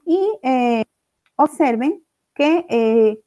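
A woman's voice: high-pitched, animated, drawn-out words, mellow. A woman teacher explains a lesson step by step, often checking in with the class. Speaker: language teacher. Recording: dull lo-fi recording.

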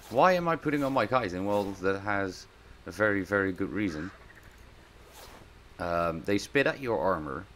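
A man hosting a let's play, giving casual gameplay commentary and bursting into loud surprised exclamations. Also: fairly low pitch, a little hiss or hum.

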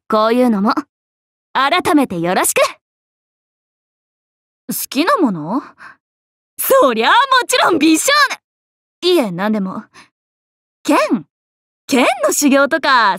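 High, animated young swordswoman, Miyamoto Musashi. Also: no echo, clean studio sound, exaggerated voice. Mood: composed, coy. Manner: playful, expressive, swinging between teasing and flustered. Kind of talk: Japanese anime-style mobile game character acting.

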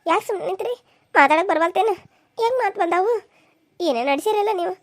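A woman's voice: very high-pitched, animated, brisk, no room sound, clean studio sound. A woman voicing a hurt, suspicious young village wife in a cartoon serial, with a North Karnataka Kannada accent, tearful and accusing.

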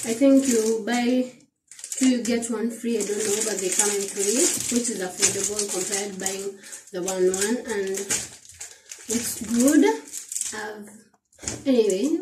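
A woman's voice: medium pitch, distant mic. A young Kenyan woman in her twenties with a Kenyan accent, chatting casually at home about her grocery haul, repeating words and dropping in Swahili phrases. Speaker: vlogger. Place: small room at home, indoors. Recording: echoey room, a little off-mic, faint noise.

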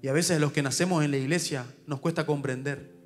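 A male pastor with a Paraguayan Spanish accent, preaching a sermon at a church service, swinging from loud urgent calls to hushed asides. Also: a little high, fairly even intonation, brisk, faint music behind.

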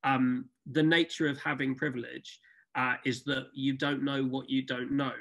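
A man's voice: medium pitch, little pitch movement, moderate pace, vocal fry, fairly bright tone. A man theatre producer on a video call, speaking thoughtfully with frequent ums on a panel. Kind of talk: panel discussion.

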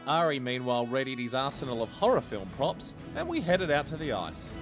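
A man's voice: medium pitch, big pitch swings, brisk, music in the background. A man co-hosting and telling his own story in scripted comic narration. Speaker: co-host and narrator.

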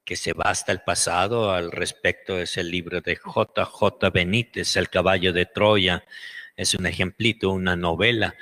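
Mexican man lecturing on religion, slow and folksy, low bright voice, long hall reverb. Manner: slow, folksy, fond of diminutives. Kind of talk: storytelling lecture.

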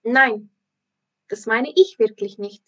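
A woman voicing a cheeky, fearless little girl in an audiobook reading, with a high eager voice. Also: slow, fairly bright tone.

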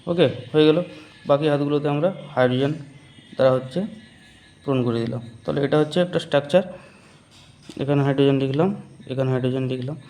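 A man teaching a biology lesson in Bengali-accented speech, asking the class questions and answering them himself, repeating key terms slowly. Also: mid-range voice, mellow. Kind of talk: whiteboard chemistry lesson.

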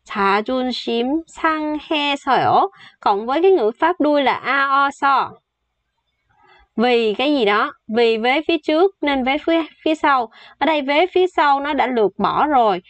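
A woman, chattily explaining Korean phrases and repeating each one slowly for learners. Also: fairly high pitch, dry recording, muffled recording. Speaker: Korean language teacher.

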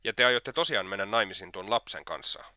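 A man's voice: lowish voice, sharp tone, no room sound, clean studio sound. A man voicing Raskolnikov, a scornful, agitated young man. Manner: scornful, indignant.

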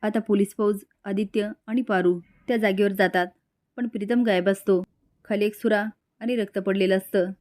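A woman narrating a retelling of a TV serial episode in a steady storytelling manner. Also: medium pitch, moderate pace.

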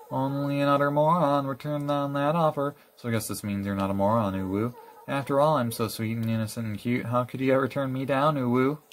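A man's voice: mid-range voice, a little hiss or hum, natural voice. A man reading the lines of a smug, self-admiring animal villager in a video game, who wheedles and ends lines with a catchphrase.

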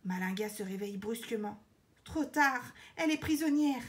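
A woman reading a children's picture book aloud, her voice a touch high. She reads in an expressive, measured way, dropping softer for suspense. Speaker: storyteller.

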